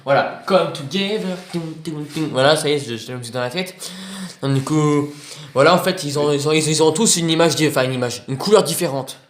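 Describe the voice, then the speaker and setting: In an echoey room with a little faint noise, a male video host with a fairly high pitch and a fairly quick pace unboxes his purchases. His talk is casual, rambling and jokey, with plenty of repetition.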